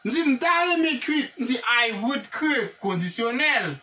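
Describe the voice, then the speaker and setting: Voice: mid-range voice, animated, a little slow, bright, forceful tone, far from the mic. A teacher with a Haitian accent giving a classroom grammar lesson, drilling example sentences one by one and checking in with the class. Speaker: English teacher.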